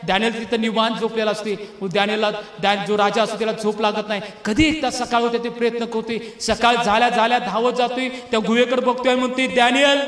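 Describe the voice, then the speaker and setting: A man's voice: extremely high pitch, little pitch movement, fast talker, few pauses, fairly bright tone, reverberant, in a large hall. A male pastor preaching a sermon with fervent, repeated exhortations.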